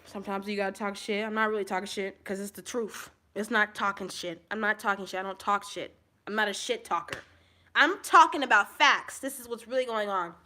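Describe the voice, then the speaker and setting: A woman venting to camera in a profane monologue, angry and repetitive, swinging between shouting and low, subdued talk. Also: fairly quick. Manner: angry, profane ranting with repeated phrases. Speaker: vlogger.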